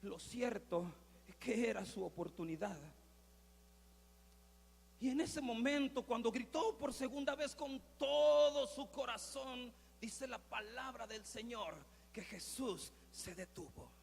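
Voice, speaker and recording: A male pastor preaching a dramatic sermon in a church, swinging from hushed asides to loud cries. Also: very high-pitched, slow pace, gravelly, breathy edge, long reverb tail.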